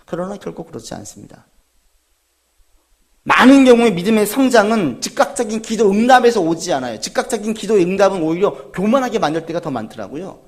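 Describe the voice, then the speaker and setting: A man's voice: high-pitched, very animated, a little fast. A man preaching a sermon as pastor, earnest and full of rhetorical questions.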